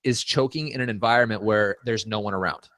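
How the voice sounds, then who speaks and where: A man's voice: lowish voice, brisk, a bit bright, no echo, studio quality. A man hosting a casual podcast, telling a rambling story full of swearing and "dude". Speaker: podcast host. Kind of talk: casual chat.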